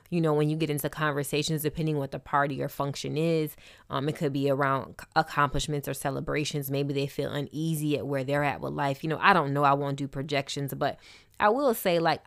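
A woman's voice: sits low, no echo, studio quality. A woman talking candidly and expressively in a casual personal talk, with wry asides, as a host.

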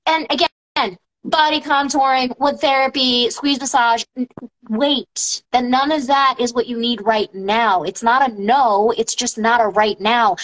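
A fairly high-voiced woman in her thirties speaks as a massage therapist to her followers. She talks casually and emphatically, and her voice climbs higher when she gets indignant. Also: rough recording. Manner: emphatic, animated, rising in pitch when indignant. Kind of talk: casual live-stream talk to followers.

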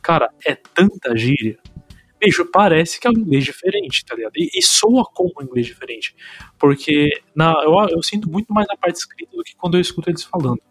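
A man's voice: on the high side, big pitch swings, brisk, breathy edge, dry recording, soft background music. A man with a Brazilian accent hosting a casual podcast chat, talking in a loose, slangy way. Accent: Brazilian Portuguese. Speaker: podcast host.

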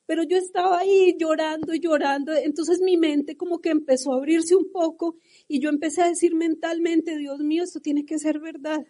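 A woman's voice: very high voice, fairly even intonation, normal speed, warm tone. A middle-aged Colombian woman with a Colombian accent, passionately telling her story in a motivational talk to a live audience. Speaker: motivational speaker.

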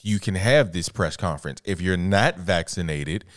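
A man co-hosting a casual podcast, talking sports in an animated way. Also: deep voice, normal speed, dry recording, studio quality. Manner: animated, mimics voices when quoting others. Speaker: podcast co-host.

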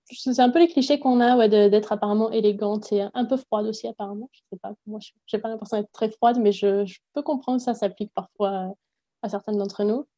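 Mellow-voiced woman, reflective guest. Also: a little high. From France. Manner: reflective, thinks aloud with hesitations. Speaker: interview guest. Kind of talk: casual interview.

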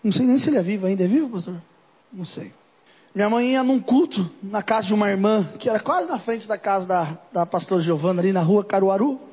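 High-voiced Brazilian man preaching passionately. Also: quick pace, a little mellow, slightly rough, in a large hall, muffled recording. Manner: impassioned, questions the congregation directly. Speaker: apostle preaching. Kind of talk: sermon. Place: church service.

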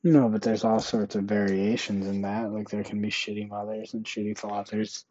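A young man hosting a solo podcast, thinking aloud slowly in a monotone way. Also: fairly low pitch, lo-fi sound, a little hiss or hum. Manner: slow, monotone, musing. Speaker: podcast host.

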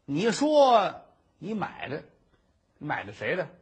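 A man voicing a stern, bullying male high court judge who scorns and barks orders. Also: wildly swooping pitch, slow, slightly rough, heavily acted. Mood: scornful.

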